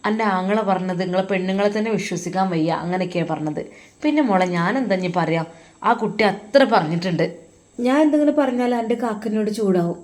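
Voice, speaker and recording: A woman's voice: medium pitch, animated, fast, a little mellow, close to an everyday voice. A woman with a Malappuram accent voicing a caring elder sister-in-law who pleads in a tearful tone. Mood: sorrowful. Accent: Malappuram Malayalam.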